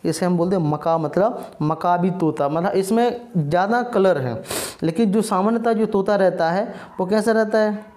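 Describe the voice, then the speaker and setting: A man's voice: sits high, moderate pace, a little mellow. A man teaching an online lesson on bird names, repeating himself and asking viewers questions, then answering them himself. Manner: mixes English words into his talk.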